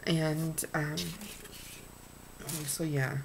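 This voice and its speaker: A vlogger in her thirties talks very slowly in a low, level voice, rambling with ums and restarts as she shows purchases to the webcam on her desk. She's in a small indoor room, and the audio is poor with slight background noise.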